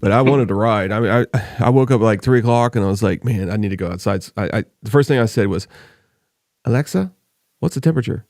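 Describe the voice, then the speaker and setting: A man's voice: lowish voice, fast, hardly any pauses, darkish tone, no room sound, clean studio sound. A man hosting a podcast, chatting casually and rambling, often laughing. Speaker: podcast host. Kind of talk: casual chat. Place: home. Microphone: desk microphone.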